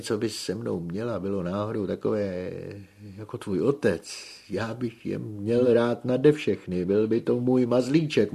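A man voicing a desperate, lovesick young peasant who pleads loudly and tearfully. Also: mid-range voice, creaky, husky.

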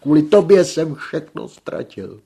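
A man voicing a desperate, lovesick young peasant who pleads loudly and tearfully. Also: a little high, big pitch swings, creaky, breathy edge, heavily acted. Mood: desperate pleading.

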